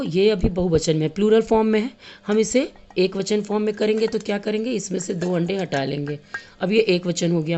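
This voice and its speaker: A woman's voice: mid-range voice, warm tone. A woman teaching young children a grammar lesson in mixed with terms, patiently counting objects aloud and repeating points.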